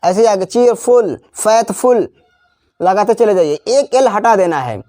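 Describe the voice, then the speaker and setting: A man teaching a spelling lesson. He spells out letters slowly, repeats each example word, and slips into chatty asides. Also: high voice, expressive, mellow, no room sound, clean studio sound. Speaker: English teacher. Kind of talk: classroom-style spelling lesson.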